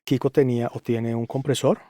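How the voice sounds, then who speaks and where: A man's voice: medium pitch, level tone, brisk, warm tone, no echo. A man guesting on a podcast interview, talking emphatically and with strong opinions. He keeps pressing his point with rhetorical questions in a middling voice. The sound is close and dry. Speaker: guest, audio engineer.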